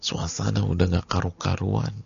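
A male Islamic preacher, giving a sermon as vivid storytelling that swings from whispers to loud, dramatic outbursts. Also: low voice, little pitch movement, normal speed, vocal fry, husky. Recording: dull lo-fi lecture recording.

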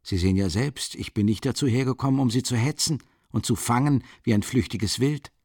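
An actor voicing a shrewd middle-aged investigator who speaks in a calm, insistent half-whisper. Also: male voice, medium pitch, fairly quick, no room sound, studio quality, natural voice. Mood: calm, persuasive.

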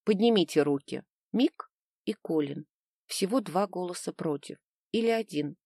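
A woman with a low voice reads a novel in the first person at an even, measured pace. The recording is dry and close, with no room sound at all. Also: creaky, no echo. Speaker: audiobook narrator. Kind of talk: first-person audiobook narration.

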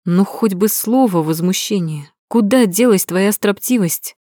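A woman's voice: mid-range voice, unhurried, mellow, no echo, clean studio sound, close to an everyday voice. A woman voicing a haughty, mocking male vampire lord in an audiobook, with a sneering drawl.

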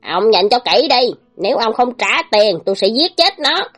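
A swaggering male thug boss barks his threats in a raised, higher voice, all bluster and menace, as a woman puts him on. A storybook villain who jeers at everyone he bullies. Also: very animated, moderate pace, a bit bright, soft background music. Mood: menacing. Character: brutal swaggering male thug gang leader.

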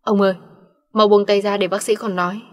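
A distraught mother over sixty, wailing and pleading through her tears, as a woman narrator voices her. Her voice sits at an ordinary middle pitch. The audio-story recording carries a long, hall-like reverb. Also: little pitch movement, brisk, lightly acted. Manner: pleading, tearful lament.

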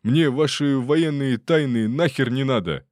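A man's voice: medium pitch, measured pace, darkish tone, no room sound, clean studio sound, pitched above the performer's own voice, lightly acted. A man voicing a frightened, whining middle-aged trespasser who pleads and stammers to be let go. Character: whiny scared middle-aged male trespasser.

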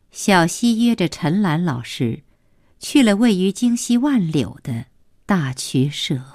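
A woman reads a long novel aloud with slow, deliberate storytelling. Her voice sits fairly low, moves with lively rises and falls, and is recorded close and dry. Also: dry recording. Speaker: audiobook narrator. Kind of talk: scripted novel narration.

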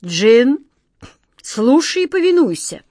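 A woman's voice: fairly high pitch, expressive, unhurried, no echo, studio quality. Woman playing a whiny fretful king. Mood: commanding. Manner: whiny, commanding, easily flustered. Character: petulant, fretful fairy-tale king, old man.

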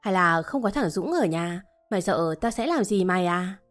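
A woman's voice: on the low side, expressive, moderate pace, faint music behind, close to an everyday voice. Woman reading as a scornful lady of the house. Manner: scolding, contemptuous. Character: harsh middle-aged woman, mistress of the house.

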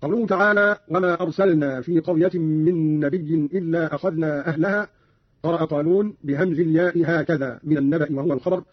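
Husky man explaining recitation on dull old radio. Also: a little high, steady tone, no echo. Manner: measured, precise classical Arabic, quoting verses to demonstrate. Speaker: Quran reading instructor. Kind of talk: formal explanation of recitation variants. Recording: dull lo-fi archival radio recording.

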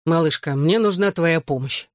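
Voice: mid-range voice, moderate pace, no echo, lightly acted. Reader playing a smug joking teen guy, dry sarcastic lines, close dry sound. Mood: deadpan. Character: teen boy, cocky, deadpan, joking. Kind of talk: audiobook character voice.

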